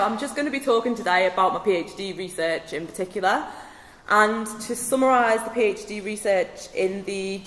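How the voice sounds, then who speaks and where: A woman with a Scouse accent giving a research talk at a workshop. Her voice sits a little low and she speaks in a chatty, self-deprecating way, with plenty of ums. The sound rings around a reverberant hall, with a faint hiss underneath. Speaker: lecturer presenting research. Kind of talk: informal academic talk. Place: workshop venue indoors. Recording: echoey hall with long reverb, faint noise.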